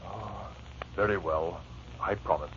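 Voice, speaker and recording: A man acting in a radio drama as a prim, indignant genteel husband, formal, husky and easily flustered. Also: deep voice, slow, a bit bright, exaggerated voice. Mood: grudging. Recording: muffled vintage radio recording.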